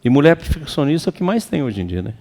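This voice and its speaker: A man with a Brazilian Portuguese accent giving a lively, colloquial seminar lecture to an audience. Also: a little high, quick pace, vocal fry. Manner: animated and colloquial, acts out quoted voices. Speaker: seminar speaker. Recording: reverberant hall.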